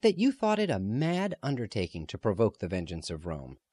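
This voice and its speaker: A man voicing a grave, cautious man with a low voice that still rises and falls a great deal. He speaks gravely and in measured tones, with dry, close sound. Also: huge pitch swings, darkish tone, no room sound, exaggerated voice. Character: grave, cautious man, gloomy about war.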